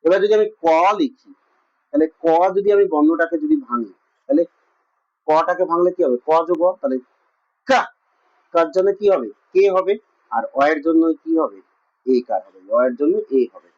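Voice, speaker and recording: A man's voice: on the high side, expressive, normal speed, pauses often. A man teaching a lesson with a West Bengal Bengali accent, asking questions and answering them himself with lots of repetition. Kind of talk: classroom lesson. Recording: muffled lo-fi recording.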